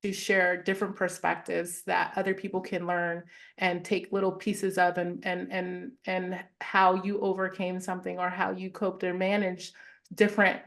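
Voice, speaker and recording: A woman therapist guesting on a podcast, explaining her work in a measured, steady way. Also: lowish voice, gravelly. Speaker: therapist and wellness founder, guest. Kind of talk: podcast interview conversation.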